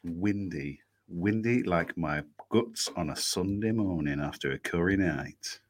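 A man's voice: deep voice, a little slow, slight background noise. Laid-back man on a podcast. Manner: laid-back, crude humour. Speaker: podcast co-host. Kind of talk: casual chat. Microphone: desk USB microphone.

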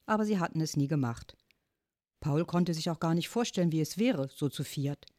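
A woman reading a children's chapter book aloud in a calm storytelling manner. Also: sits low, normal speed, dry recording, studio quality. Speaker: audiobook reader. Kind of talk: scripted story narration.

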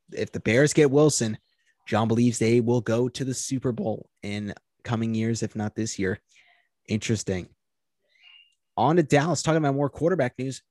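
A man's voice: mid-range voice, darkish tone, dry recording. A man hosting a sports talk show, running through news items and steering the talk. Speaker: host.

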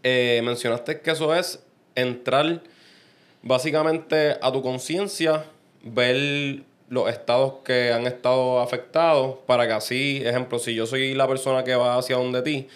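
Male podcast host, relaxed and chatty, ordinary mid pitch. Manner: relaxed, chatty, quick affirmations. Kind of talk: casual interview chat.

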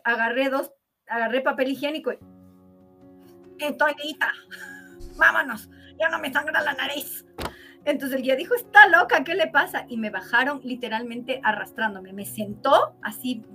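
Bright, high-voiced woman guest. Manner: animated, acts out quoted voices with exclamations. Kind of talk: storytelling in a conversational interview.

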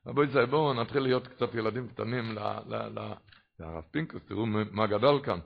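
A man preaching a sermon, telling stories and rising to loud, animated retellings. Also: lowish voice, vocal fry. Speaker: rabbi. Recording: dull lo-fi recording.

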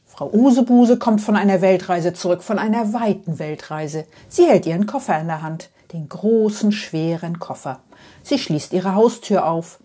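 A woman telling a bedtime story in a soft, half-whispered voice, with lulling repeated phrases. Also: fairly low pitch, moderate pace, slightly rough.

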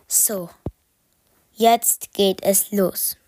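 A woman voicing a gentle, thoughtful small female dog in a storybook, soft and calm. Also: medium pitch, very slow.

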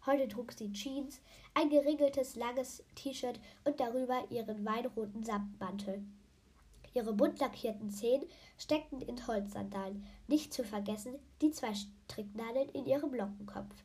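A woman's voice: a little high, unhurried, darkish tone, breathy edge. A woman reading a children's book aloud for her podcast, often stumbling over words and correcting herself.

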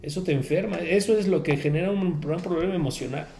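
A man's voice: a little high, quick pace, a little mellow, echoey room, a little hiss or hum. A man giving an earnest spiritual talk to a group, repeating his key phrases. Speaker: spiritual speaker.

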